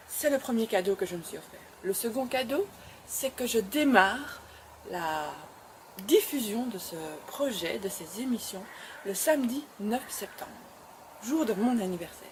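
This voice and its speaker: A woman's voice: fairly high pitch, darkish tone, a little hiss or hum. A woman hosting her web show, speaking to camera in an encouraging, emphatic way and often repeating phrases. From Belgium. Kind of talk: motivational address to camera.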